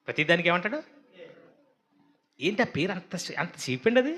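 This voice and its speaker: A man preaching a sermon as a pastor, animated, with mocking asides and quoted voices. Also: high voice, normal speed.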